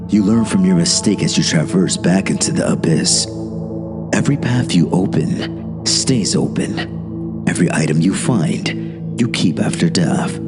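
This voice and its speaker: A man voicing a smug, deliberate male devil who lectures in a monotone, in a horror story reading. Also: low voice, lightly acted. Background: music.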